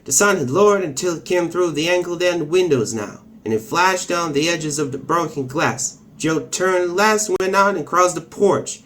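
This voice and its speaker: Male reader, high-pitched, delivering book narration in a studied, put-on Oklahoma accent. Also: normal speed, few pauses, a bit bright. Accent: Oklahoma accent, practiced. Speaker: host of an accent challenge. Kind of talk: reading a novel aloud as an accent exercise.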